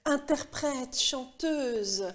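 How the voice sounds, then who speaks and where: Higher-voiced woman hosting a talk show. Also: drawn-out words, a crowd in the background. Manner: warmly affirming, frequent agreement. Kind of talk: casual chat.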